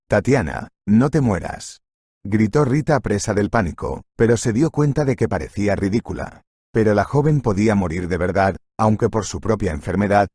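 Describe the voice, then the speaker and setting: A man narrates a scripted drama story at a steady, even pace. His voice is low and husky. The sound is close and dry. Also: no room sound.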